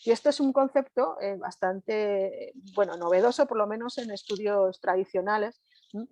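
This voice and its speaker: A woman's voice: medium pitch, darkish tone, no echo. Chatty lecturer woman, dry sound. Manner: conversational, constantly checking in with the audience. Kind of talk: live online lecture.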